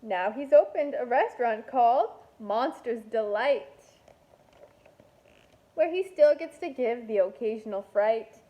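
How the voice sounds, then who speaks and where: Playful asides punctuate this picture-book read-aloud by a female kindergarten teacher, whose high voice tells the story in an expressive, deliberate way. It was recorded at home, and the sound is slightly dull.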